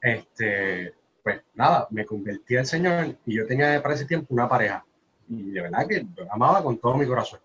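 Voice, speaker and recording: A man, earnestly sharing a personal testimony as a podcast co-host, his voice often trailing off softly. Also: mid-range voice, lively intonation, fairly quick. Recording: slightly muffled with faint background noise.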